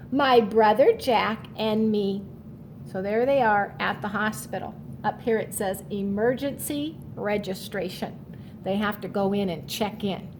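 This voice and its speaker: A woman reads a children's storybook aloud in a teacherly way, slipping in brief explanations and checking that listeners follow along. Her voice is mid-range, and there is slight background noise.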